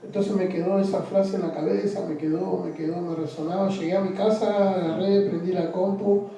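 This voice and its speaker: Man, interview testimony, halting and repetitive, high mellow voice, distant mic, echoey room, faint music. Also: fairly even intonation. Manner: halting, repeats words, trails off quietly. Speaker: interview guest.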